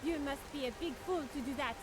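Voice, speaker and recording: A woman's voice: high-pitched, fast talker, close to an everyday voice. A woman voicing a boastful, threatening female wizard thief with a French accent and grandiose insults in a video game. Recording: hissy audio with rain noise.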